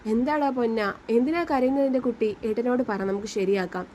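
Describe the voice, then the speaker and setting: A woman voicing a loving young husband who calmly soothes his wife. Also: on the high side, moderate pace, slight background noise, natural voice. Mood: soothing. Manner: soft, soothing.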